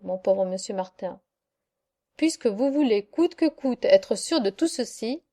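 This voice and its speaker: A grave, dark-winged angel, as a woman puts it on. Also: a little high. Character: solemn angel with dark wings, record keeper.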